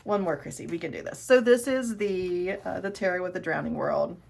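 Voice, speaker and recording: A woman's voice: fairly low pitch, brisk, creaky, very noisy. A woman hosting her own tarot video, chatting casually and enthusiastically, often restarting her sentences as she rambles. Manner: rambling, self-correcting, enthusiastic. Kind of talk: casual chat to camera.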